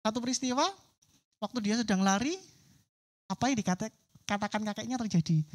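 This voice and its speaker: A woman's voice: mid-range voice, a little fast. Woman preacher at a church service, vivid storyteller who acts out her characters' voices. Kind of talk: sermon storytelling.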